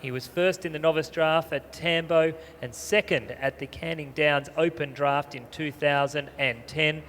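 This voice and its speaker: A man's voice: on the high side, steady tone, moderate pace, few pauses, fairly bright tone. A man announcing live sport in an arena, giving informative competitor profiles over the public address. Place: large show arena over loudspeakers. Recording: reverberant stadium PA with background noise.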